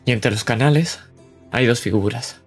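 A man sets the scene as game master, describing the place in a calm, steady voice. Soft music plays under his words. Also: medium pitch, normal speed. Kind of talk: scripted scene-setting narration.

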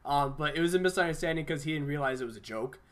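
Higher-voiced man hosting a laid-back podcast. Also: quick pace, a bit bright. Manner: laid-back, swears casually, peppers speech with "like". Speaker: podcast host. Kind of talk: casual podcast chat.

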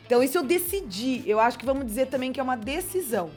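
A woman, chatting as co-host. Her manner is easygoing, chatty and gently teasing. Faint music runs behind her. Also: high-pitched, animated, very fast. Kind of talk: casual chat.

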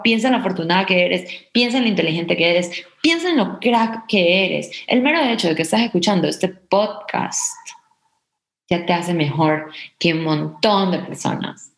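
A woman's voice: on the low side, moderate pace. A young adult woman hosting a motivational podcast, talking earnestly and encouragingly straight to her listeners. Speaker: podcast host. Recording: echoey room.

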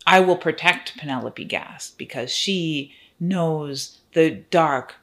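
A grim, grandiose male horror villain, put on by a woman telling a story. He declaims dark pronouncements in a grave, low voice that sinks toward a whisper. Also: slow pace.

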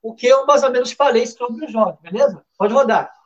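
With a very high-pitched voice and fairly quick delivery, a man chats his way through a live football betting show, full of fillers and restarts. The recording sounds lo-fi.

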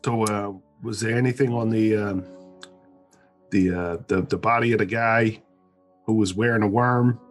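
A man's voice: fairly low pitch, steady tone, normal speed, faint music behind. A man playing in a tabletop game, chatting casually and joking with the group. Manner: joking, laughs often. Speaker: player.

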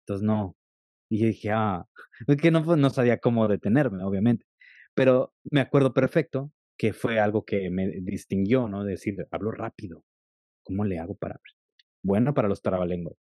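Fast-talking man with a dark, dry voice. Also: on the low side, no room sound. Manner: fast-talking, animated storyteller. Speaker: guest, content creator on attention deficit. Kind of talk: casual interview chat.

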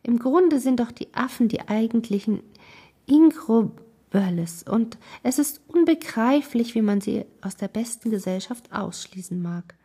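A woman voicing a capricious, imperious young noblewoman in an audiobook, with a breathy, mellow voice. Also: expressive, measured pace, full character voice. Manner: bossy, wheedling, high-spirited. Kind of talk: audiobook character reading.

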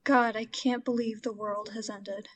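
A woman's voice: fairly high pitch, fairly even intonation, a little slow, a bit bright, a little hiss or hum. A woman voicing a blunt, impatient giant rat intern in a comedy script read aloud. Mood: exasperated. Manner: blunt, bossy.

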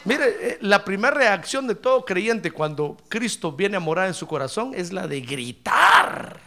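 A man preaching a sermon to his congregation, addressing them directly and breaking into loud shouted praise. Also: high-pitched, lively intonation, moderate pace.

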